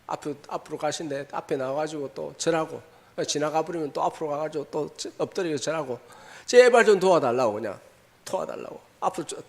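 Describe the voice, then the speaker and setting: A man's voice: medium pitch, gravelly, big-room sound. A man pastor giving a sermon, emphatic, repeating his lines and asking the congregation questions. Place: church sanctuary.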